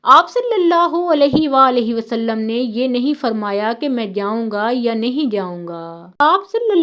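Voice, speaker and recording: A woman narrating religious stories in a calm, measured, scripted way. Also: on the high side. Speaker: storyteller.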